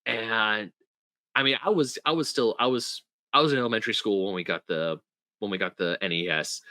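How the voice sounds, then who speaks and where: A podcast host in his thirties chats casually and rambles, full of restarts and fillers. His voice is fairly low-pitched with a sharp tone, and the recording has no room sound.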